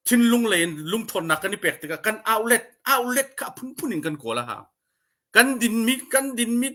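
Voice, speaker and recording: A man giving an informal educational talk on a community livestream, deliberate and dropping English terms into his speech. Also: high voice, bright, forceful tone. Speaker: speaker at a community support livestream.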